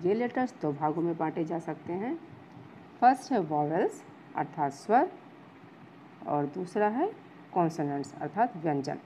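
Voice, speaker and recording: A woman lecturer teaching a grammar lesson to students. She reads English definitions slowly, as if dictating, then explains them patiently. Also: fairly low pitch, very animated, mellow, slight background noise, poor audio. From India.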